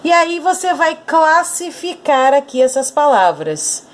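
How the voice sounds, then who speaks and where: A woman teacher with a Brazilian Portuguese accent gives an online lesson. Her voice sits a little high, and she stresses each syllable slowly and clearly. She keeps asking the students questions as she goes. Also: big pitch swings, slight background noise.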